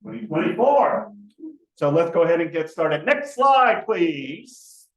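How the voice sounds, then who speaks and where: A man's voice: fairly high pitch, sing-song, measured pace. A man emceeing a team meeting in an upbeat, joking manner. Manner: upbeat and jokey. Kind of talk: casual meeting hosting. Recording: roomy, distant, dull sound.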